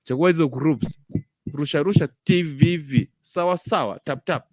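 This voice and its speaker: A man's voice: fairly high pitch, moderate pace, darkish tone, no room sound. A man with a Kenyan accent hosting an informal live online gospel show, repeating phrases and switching between English and Swahili as he addresses viewers.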